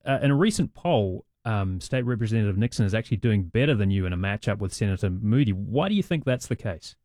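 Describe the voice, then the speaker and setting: A man working as a smooth radio talk show host, interviewing a guest and taking callers with measured, polite questions. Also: lowish voice, animated, darkish tone, no echo, studio quality. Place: radio studio.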